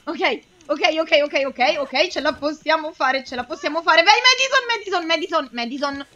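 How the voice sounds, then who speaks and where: A young woman giving anxious, excitable commentary while playing a game, pleading and exclaiming as she goes. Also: high voice, moderate pace, dull audio. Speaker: let's play host.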